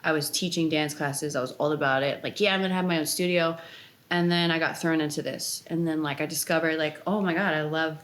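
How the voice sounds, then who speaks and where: A woman's voice: deep voice, steady tone, a little fast, fairly bright tone. A woman in her thirties, a dancer guest on a casual podcast, talking in a rambling way full of "like" fillers. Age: 30s. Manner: chatty, rambling with many "like" fillers. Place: Los Angeles.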